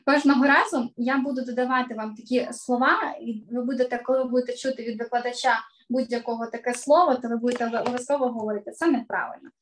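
A middle-aged woman, a voice coach, teaching children in an online lesson with clear, emphatic delivery that stresses key words. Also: a little high, fairly even intonation, fast, few pauses.

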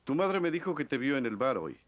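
A man playing a firm, loving middle-aged father in a dubbed film drama, speaking earnestly with a husky voice. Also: mid-range voice, big pitch swings, fairly quick, muffled recording, lightly acted. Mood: firm, patient. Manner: earnest, questioning, instructive.

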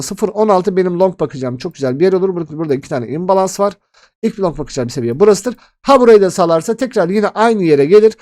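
A man rattles through his chart analysis at a quick clip, his voice sitting fairly high for a man. He is chatty and excitable, and he keeps talking straight to his viewers as if they were old friends. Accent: Turkish. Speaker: crypto analysis host. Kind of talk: casual chart analysis talk.

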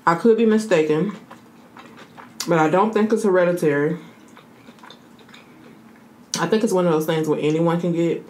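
A woman's voice: fairly low pitch, normal speed, long pauses, a little mellow, rough recording. A woman in her thirties chatting casually as a mukbang host, talking while eating and savoring her food. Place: small room indoors, seated at a table. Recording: noticeable room noise.

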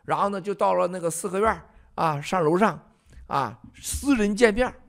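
A man's voice: high voice, quick pace, creaky. A man hosting a political livestream, ranting and mocking with emphatic delivery. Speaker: livestream host.

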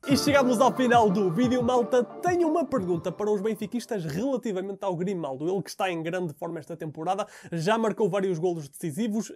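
A man with a European Portuguese accent, presenting football news in a steady scripted read. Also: high-pitched. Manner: steady, measured read of sports headlines.

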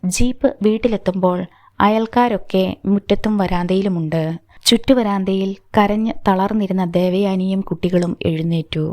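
A woman storyteller giving a measured, scripted audiobook narration of a novel. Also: medium pitch, steady tone, warm tone, no echo, studio quality.

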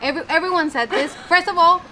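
A young Colombian woman, whose first language is Spanish, gives a heartfelt poolside party toast in English, searching for words and gesturing animatedly. Her very high voice comes fast, and the low-quality recording is full of crowd chatter and laughter from the guests.

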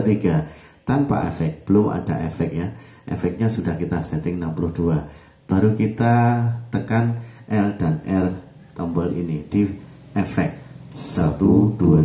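A man explains mixer settings step by step and counts off test lines into the mic. His voice is low and mellow. The room around him is echoey. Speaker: audio mixer tutorial host. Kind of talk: hands-on equipment demonstration.

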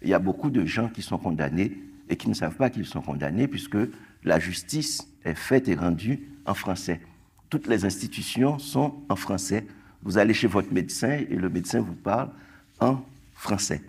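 A Haitian poet in his sixties, a native Creole speaker, speaks passionately on a round-table panel on a theatre stage, gesturing and building to emphatic peaks. His low, expressive voice is darkish and slightly rough, at a normal speed.

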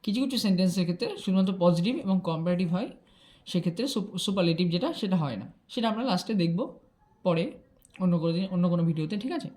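A woman's voice: lowish voice, racing, warm tone. A woman explaining grammar rules step by step, patiently checking that her students follow. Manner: patient, checks in with "ঠিক আছে?", mixes English terms into Bengali. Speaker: English grammar teacher.

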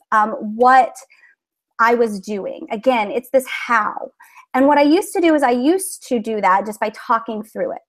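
A woman with a slightly higher voice presents to other teachers over a video call. She explains her classroom methods in a friendly, loose way, full of ums and little restarts. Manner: friendly, explanatory, many fillers, acts out classroom exchanges. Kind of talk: conference presentation with screen share.

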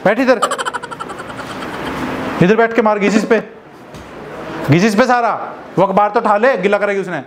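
A man's voice: high voice, moderate pace, pauses often, a little hiss or hum. A man playing an angry boss in a staged office prank, scolding and threatening in a bossy way.

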